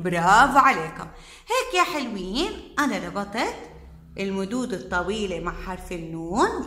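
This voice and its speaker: A woman's voice: a little high, fairly bright tone, reverberant. A woman, teaching young children letters and syllables in a sing-song voice and praising them often. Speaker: kindergarten teacher.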